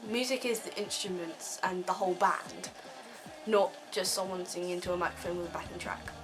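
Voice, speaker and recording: A woman's voice: fairly low pitch, fairly even intonation, fairly quick, music in the background, rough recording. A teenage girl ranting casually in a vlog from her bed, rambling with lots of ums. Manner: rambling, filler-heavy, frequent ums. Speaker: vlogger.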